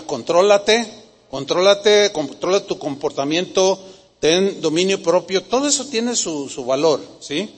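A man's voice: sits high, a bit bright. A man preaching a Sunday sermon, emphatic and repetitive, often asking the congregation questions. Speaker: pastor. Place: church hall. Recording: long hall reverb.

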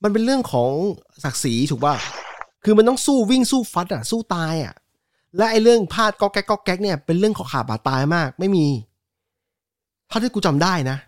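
Animated co-host, crude and emphatic, fairly high-voiced man, dry recording. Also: fast, no echo. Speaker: podcast co-host. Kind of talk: casual football chat.

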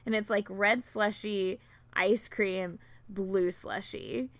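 A woman's voice: medium pitch, steady tone, takes it slowly, no echo. A woman chatting casually as a podcast co-host, giggly and self-deprecating, her speech slightly thick and slurred as if from a swollen tongue. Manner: giggly, self-deprecating, filler-heavy rambling. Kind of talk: casual chat.

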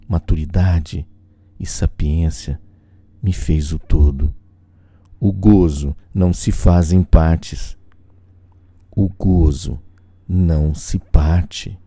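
A man reciting spoken-word poetry dramatically, in short, sensual, deliberate phrases with pauses between them. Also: low-pitched, mellow, breathy edge, no echo.

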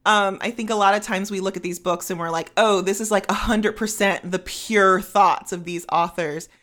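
A woman's voice: mid-range voice, steady tone, normal speed, fairly bright tone. A woman co-hosting a casual podcast, chatting about a book with lots of "like" and "um". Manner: chatty, full of "like" and "um". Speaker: podcast co-host discussing a book. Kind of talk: casual chat.

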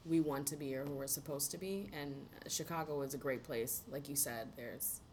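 A woman hosting a podcast, talking in a relaxed, encouraging way with "um" and "like" fillers. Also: rumbling low, normal speed, slight background noise. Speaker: podcast host. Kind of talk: casual conversation.

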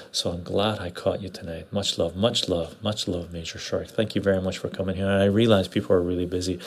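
A man with a gravelly, husky voice chatting casually as a livestream host, laid-back and repeating short phrases, recorded on a clip-on lapel mic. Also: low-pitched. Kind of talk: casual livestream chat, greeting viewers and reading comments. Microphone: clip-on lapel mic into external recorder.

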